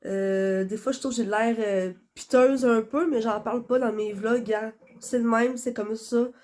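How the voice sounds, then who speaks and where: This vlogger, a young woman with a Quebec French accent, rambles casually to her phone camera with many fillers while congested from a cold. Her voice sits on the high side, a little mellow, with fairly even intonation and a measured pace.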